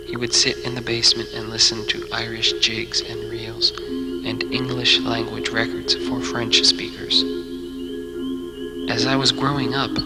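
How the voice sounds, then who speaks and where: A man calmly narrating a reflective scripted voice-over. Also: mid-range voice, low-quality recording. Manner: calm, even reflective telling. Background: loud music.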